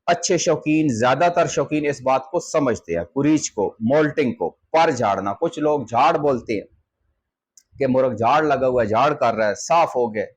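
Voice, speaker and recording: A man's voice: mid-range voice, moderate pace, breathy edge. A man from Pakistan, hosting a poultry channel and talking casually to camera, explaining step by step and checking in with his listeners often. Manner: conversational, explaining step by step with frequent check-ins.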